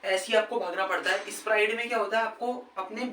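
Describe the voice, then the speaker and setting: High-voiced man giving casual coaching tips. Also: steady tone, quick pace, sharp tone. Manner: chatty, keeps saying "brother" and "okay". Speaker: cricket fitness coach. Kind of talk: casual instructional vlog. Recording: echoey, distant, faint background noise. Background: faint ambient sound, a TV match playing.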